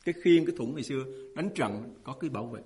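Man, pastor, sermon, breathy voice, emphatic rhetorical questions. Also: medium pitch, lively intonation, rapid-fire, darkish tone.

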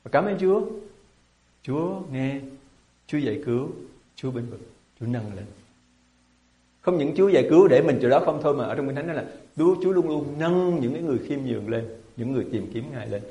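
A man's voice: medium pitch, lively intonation, fast, long pauses, mellow, husky, highs cut off. A man preaching a sermon as a pastor, emphatic and asking his congregation rhetorical questions.

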